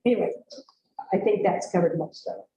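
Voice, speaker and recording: A woman's voice: mid-range voice, a little fast, mellow, dull audio, slight background noise. Distant woman in an echoey room. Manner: frank, rambling, many restarts. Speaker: school board member. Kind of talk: public meeting discussion. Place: meeting room.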